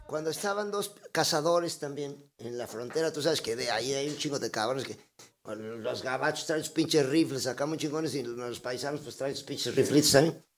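A man's voice: medium pitch, moderate pace, faint music behind. A man, a touring musician, telling slangy jokes in a casual chat with the host. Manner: slangy, playful storyteller.

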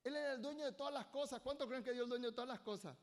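A man preaching a sermon as pastor, emphatic and rising to loud bursts, often calling for amens from the congregation. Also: extremely high pitch, racing. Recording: long hall reverb.

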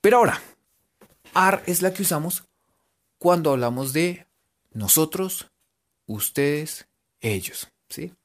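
A man's voice: fairly high pitch, animated, slow pace, pauses often. A man with a Colombian accent giving a playful English lesson on local radio, spelling letters out and checking in with listeners.

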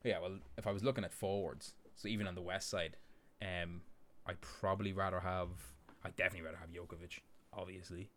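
Man, very low voice, casual sports podcast talk, rambling with lots of fillers, faint hiss behind. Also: level tone, a little fast, hardly any pauses, fairly bright tone. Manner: rambling, filler-heavy analysis. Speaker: podcast co-host.

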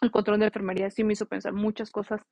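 A woman's voice: medium pitch, level tone, very fast, gravelly, a little mellow, no room sound. A young woman nurse talking casually and earnestly to nursing students, telling a heartfelt story and giving direct advice. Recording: slightly dull, dry recording.

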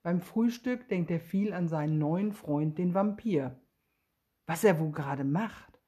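A woman reading a children's story aloud in a gentle, expressive way, with a husky voice. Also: on the low side, unhurried.

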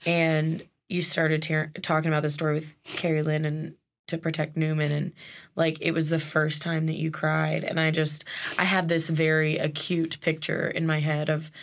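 A woman's voice: sits low, completely flat delivery, normal speed. A woman hosting a conversation, responding with empathy and chatty, filler-heavy talk. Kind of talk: conversational interview.

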